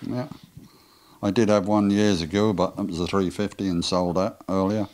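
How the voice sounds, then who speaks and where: A man's voice: low voice, fairly even intonation, moderate pace, a little mellow. An older man with a Norfolk English accent, a motorcycle engine builder answering questions briefly in his workshop. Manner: brief, plain-spoken, dialect grammar. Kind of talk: casual workshop interview. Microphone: handheld microphone with windscreen.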